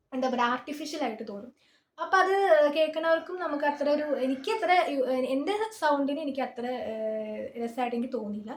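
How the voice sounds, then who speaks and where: Quick, high-voiced woman in an echoey room. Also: slight background noise. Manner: chatty and informal, often saying "see" while showing things. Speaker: singer giving an app tutorial. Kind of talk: casual screen-recorded tutorial. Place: small closed room.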